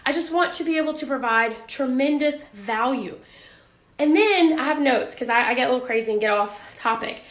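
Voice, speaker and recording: A woman physician with a high, fairly bright voice speaks at a moderate pace on a home-office livestream captured by phone or webcam. She's chatty and upbeat, greeting viewers and laughing frequently, warm but a bit breathless. The sound is roomy.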